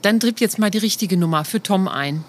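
A woman plays a caring mother in a children's audio story. Her voice sits in a middle register and gently instructs and corrects. A little noise sits behind it. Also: medium pitch, a little fast, lightly acted. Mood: gently instructing. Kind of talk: children's educational audio play.

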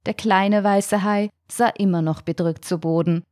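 A woman hosting a short-story podcast, reading a children's tale aloud in a calm, measured way. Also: medium pitch, no room sound, clean studio sound. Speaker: podcast host and story reader. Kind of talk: scripted storybook narration.

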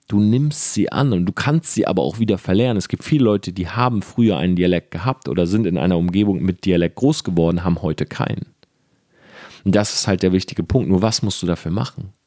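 A man's voice: sits low, mellow, dry recording, clean studio sound. A young man talking earnestly and directly to the listener in a casual motivational monologue, with fillers and the odd swear word.

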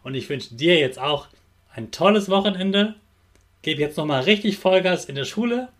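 A man who teaches and hosts a podcast for children, speaking straight to the young listener in a lively, encouraging way. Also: high voice, normal speed. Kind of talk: upbeat talk addressed to children.

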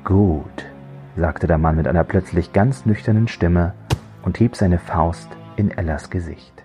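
A man narrating a crime thriller audiobook in a measured, dry storytelling voice. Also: sits low, warm tone, faint music behind.

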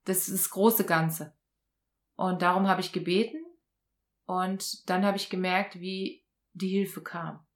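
A woman as an interview guest, telling a personal story in conversation with lively acted-out dialogue. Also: on the low side, slow pace. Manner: animated, acts out quoted dialogue.

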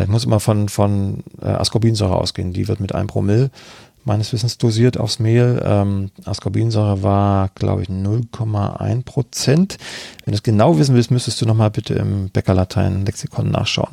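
Gravelly low-voiced man explaining baking. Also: mellow, no room sound, clean studio sound. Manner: explanatory, thinks aloud with many fillers. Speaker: bread baking expert. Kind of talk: podcast interview answering questions.

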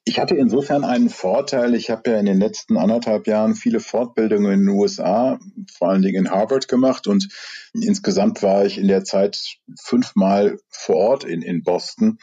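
Low, dark-voiced male coach on call. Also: normal speed, slightly rough, dull audio. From Rhineland, Germany. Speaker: executive coach. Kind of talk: conversational interview over video call.

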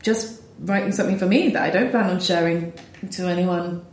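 A woman's voice: fairly low pitch, brisk, a little mellow. A woman composer talking thoughtfully in a conversation, with frequent ums and restarts. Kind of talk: reflective conversation. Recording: roomy echo.

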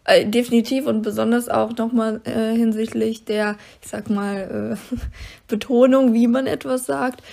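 A woman's voice: a little high, little pitch movement, measured pace, vocal fry, warm tone. A woman co-hosting a podcast, casually and thoughtfully talking about relationships, agreeing and adding nuance. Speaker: podcast co-host.

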